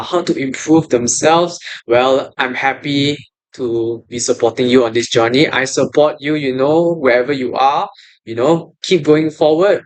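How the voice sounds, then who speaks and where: A man's voice: mid-range voice, low-quality recording. A man in his twenties with a Malaysian English accent, hosting his own podcast in an earnest, encouraging way with many fillers and restarts. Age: 20s. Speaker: podcast host. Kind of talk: casual podcast monologue.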